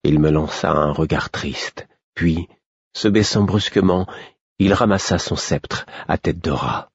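A man narrating a first-person audiobook in a slow, grave, weary way. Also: sits low, slightly rough, no echo, dull audio.

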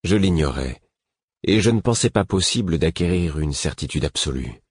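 A man narrates a novel in a measured, even reading voice. His pitch sits very low and carries a husky grain. The dry, close-miked sound has no room around it. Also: no room sound. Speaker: audiobook narrator. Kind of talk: scripted narration.

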